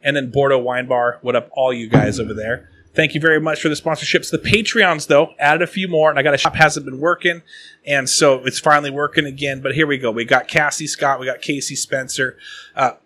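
Guy in his late 30s from the pacific northwest, podcast host, rambly and chatty, kinda bright voice. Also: medium pitch, fairly even intonation, brisk, slight background noise. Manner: chatty, rambling, reads shout-outs. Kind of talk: casual podcast chat.

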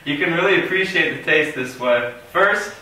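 A man's voice: on the high side, lively intonation, normal speed, pushed and bright. A young man playing an enthusiastic, showy cook in a playful mock cooking show, recorded from across a home kitchen. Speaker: co-host cook. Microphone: far camera mic. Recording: echoey kitchen from far off, clear noise.

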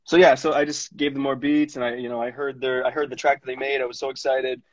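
A young music producer from Montreal, Canada, speaks fast at a medium pitch with a level tone, telling rambling, laid-back, slang-heavy stories full of fillers in a casual radio interview. He's on a studio mic, and the dry recording has a dull, lo-fi radio-studio sound.

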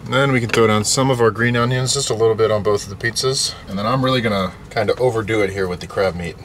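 A man's voice: fairly low pitch, fast, fairly bright tone. Young man chatting while cooking in a van. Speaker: vlogger. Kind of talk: casual cooking vlog. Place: small kitchen inside a camper van. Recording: noisy camper van recording.

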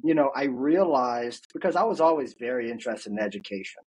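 A man's voice: medium pitch, expressive, a little fast, darkish tone, slightly rough, low-quality recording. A man in his thirties, a fitness coach, telling his life story earnestly over a video call with headphones. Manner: earnest, reflective storytelling with frequent fillers. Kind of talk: casual interview. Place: home office, indoors.

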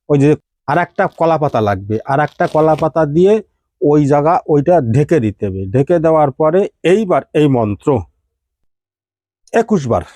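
Dark-voiced man giving ritual instructions. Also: on the high side, no room sound. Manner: steady step-by-step instructing, addressing listener informally. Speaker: tantric practitioner teaching rituals.

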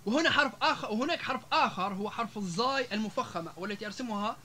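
A man with a Libyan Arabic accent giving a public lecture to an audience, rattling off example words and pausing on long "aah" fillers. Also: high-pitched, bright, forceful tone. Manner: rapid, with frequent drawn-out "aah" fillers, listing example words one after another.

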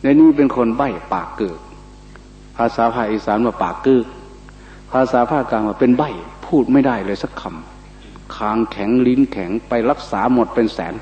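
An older Buddhist monk, telling stories in a sermon, animated and acting out the voices of the people in them. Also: male voice, mid-range voice, moderate pace. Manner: animated storyteller, acts out quoted voices, slips into Isan dialect. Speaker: Buddhist monk giving a dharma talk. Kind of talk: storytelling sermon. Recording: dull echoey hall recording with faint noise.

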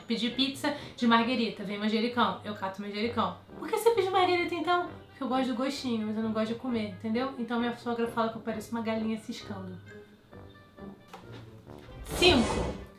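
A young woman in her twenties with a Brazilian Portuguese accent, chatting playfully with her viewers in a casual vlog. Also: a little high. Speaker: vlogger. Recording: echoey room with faint music.

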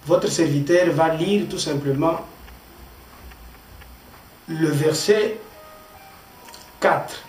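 Slow, high-voiced Congolese pastor preaching. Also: male voice, a little mellow, distant mic. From Democratic Republic of the Congo. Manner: deliberate, pausing between short phrases. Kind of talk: slow measured sermon with scripture reading. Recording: echoey room, voice off-mic, faint music.

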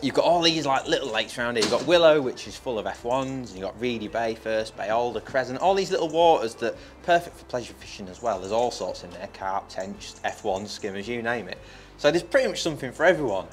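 This fishing vlogger talks fast in a mid-range voice with lively intonation. Outdoors, he shows viewers around the venue in an enthusiastic, chatty, casual way, with clear background noise in the recording.

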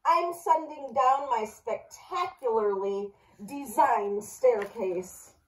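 A vain pop-up storybook, showy and full of self-admiration, as a woman puts it on. The voice sits high and moves slowly, like a picture book read aloud. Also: reverberant, far from the mic, poor audio.

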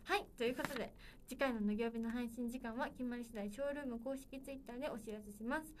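Young woman, livestream host, playful casual chat, fairly high voice, faint background noise. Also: fast. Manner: playful and chatty, addressing viewers directly.

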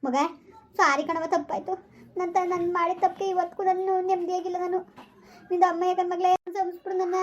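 A woman's voice: very high-pitched, level tone, brisk, highs cut off. A woman acting a remorseful village stepmother who begs her stepdaughter to forgive her, in an amateur family drama. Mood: tearful. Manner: pleading, repetitive, rural colloquial speech.

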